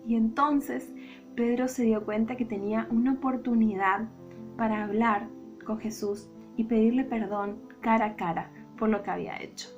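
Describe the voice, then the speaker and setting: A woman with a Rioplatense Spanish accent, a Sunday school teacher telling a Bible story to children in an expressive, dramatic way. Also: fairly high pitch, moderate pace, muffled recording, faint music behind.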